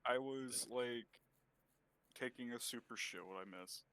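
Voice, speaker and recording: A man's voice: medium pitch, unhurried, sharp tone, no echo. A man playing a tabletop game, chatting casually in a joking, crude way. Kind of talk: casual chat.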